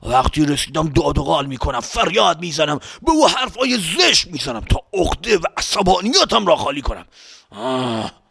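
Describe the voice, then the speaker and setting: A man putting on a gravelly, hot-headed traveler. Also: fairly high pitch, very animated, a bit bright, no echo, clean studio sound, heavily acted. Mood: grumbling. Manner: scolding, grumbling to himself. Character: hot-tempered, rude grown man traveler, muddled and boastful. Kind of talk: storybook character voice.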